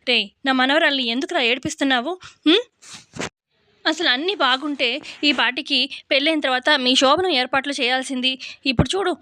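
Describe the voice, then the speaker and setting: A woman's voice: high-pitched, fairly quick, long pauses, pushed and bright, a little hiss or hum. A woman voicing a fussy elderly grandmother who scolds and dotes, with chiding, nagging questions. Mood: scolding.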